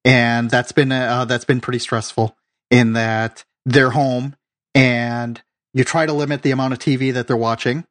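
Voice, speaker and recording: Man, podcast co-host, casual, halting, mid pitch. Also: level tone, fairly bright tone. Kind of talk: casual chat.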